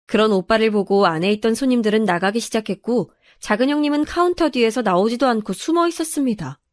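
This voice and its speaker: A woman's voice: mid-range voice, darkish tone, dry recording, clean studio sound. A woman narrating a true first-person family story, in an aggrieved, confiding manner.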